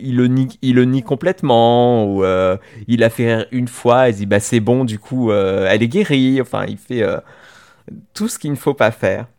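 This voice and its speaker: A man chatting casually as a podcast co-host, telling a long story with many restarts and hesitations. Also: on the low side. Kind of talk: casual chat about a TV series.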